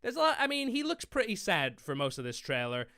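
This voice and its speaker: A man hosts a film quiz and sarcastically picks apart a movie trailer. His voice is bright and smooth, a little higher than most men's, and recorded dry and close. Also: wildly swooping pitch, fairly quick, dry recording. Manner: sarcastic, mocking. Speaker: quiz show host. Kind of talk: comic film trailer recap.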